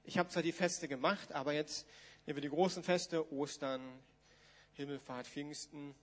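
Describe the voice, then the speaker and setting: Preacher, a man, casual with the congregation, high voice, big echoing church. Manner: conversational, reads scripture aloud, talks to the congregation informally. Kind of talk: sermon with Bible reading. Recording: long hall reverb.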